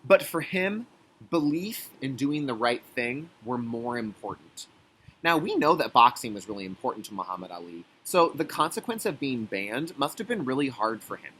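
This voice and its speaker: With careful enunciation and an instructional manner, a male kindergarten teacher leads a read-aloud for young children. His medium-pitched voice is sing-song, a bit bright, and husky, captured on a rough recording.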